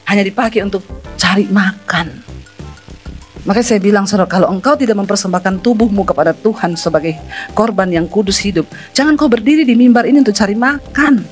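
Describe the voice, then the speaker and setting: A woman's voice: medium pitch, brisk, a little mellow, soft background music. A middle-aged woman pastor preaching a sermon, emphatic and scolding as she addresses the congregation directly.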